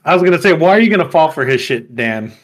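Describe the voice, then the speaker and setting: A man's voice: a little high, expressive, fast. A man co-hosting a casual podcast, teasing his friends and laughing often. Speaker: podcast co-host. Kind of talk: casual chat.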